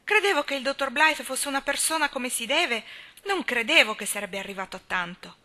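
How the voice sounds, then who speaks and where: A woman voicing an outspoken, indignant older spinster who scolds in a high, emphatic voice. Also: animated, a little fast, pushed and bright.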